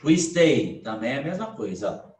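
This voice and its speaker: A man's voice: mid-range voice, sing-song, moderate pace, a crowd in the background. A man, an English teacher, explaining grammar in an online class, asking questions and answering them himself. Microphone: computer mic on video call. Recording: roomy video call audio.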